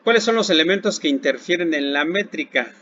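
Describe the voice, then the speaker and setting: A man with a Mexican accent teaching a recorded Spanish lesson to secondary school students. He speaks slowly and deliberately, asking a question and then answering it himself. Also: fairly high pitch, lively intonation, bright, forceful tone. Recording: dull lo-fi recording with faint background hiss.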